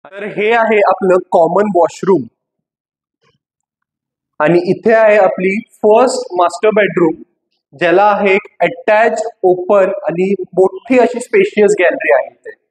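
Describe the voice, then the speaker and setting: A man's voice: high voice, slow pace, a little hiss or hum, rough recording. A man guiding a property walkthrough room by room, as a real estate agent. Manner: guiding, pointing things out room by room.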